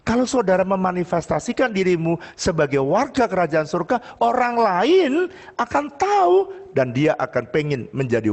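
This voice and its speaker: A middle-aged male pastor preaches with a lively, swooping voice that sits a little high for a man. He tells stories and slips into the voices of the people in them. His voice rings with the long reverb of a church hall. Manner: animated, acts out quoted voices, addresses congregation as brothers and sisters. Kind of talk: sermon with storytelling.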